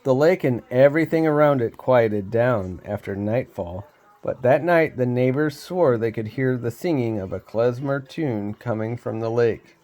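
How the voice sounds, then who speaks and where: A man reading a storybook aloud, unhurried, with small slips he laughs off. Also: mid-range voice, darkish tone.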